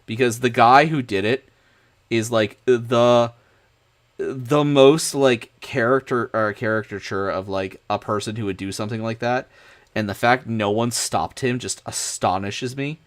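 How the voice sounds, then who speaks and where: A young man streaming, chatting casually in an excitable, rambling way. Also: medium pitch, measured pace. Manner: rambling, excitable, many fillers and restarts. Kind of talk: casual chat.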